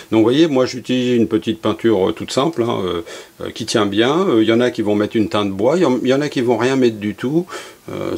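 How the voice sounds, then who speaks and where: Middle-aged guy showing how he builds arrows, gravelly husky voice, laid-back, lots of ums and side comments. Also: lowish voice. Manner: relaxed, chatty, many fillers and asides. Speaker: archery instructor. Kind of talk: hands-on workshop demonstration.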